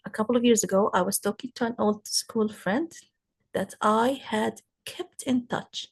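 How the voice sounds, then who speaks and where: A woman teaching an English lesson, explaining slowly and asking her students questions as she goes. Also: a little high, slightly rough. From Palestine. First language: Arabic. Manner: slow, explaining, asks rhetorical questions. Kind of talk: recorded classroom lesson.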